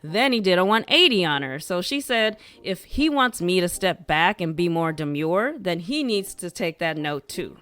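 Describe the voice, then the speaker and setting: A woman's voice: lowish voice, expressive, moderate pace, hardly any pauses, fairly bright tone. A woman hosting a reality TV recap show, narrating scripted gossip in a chatty, wry, opinionated way.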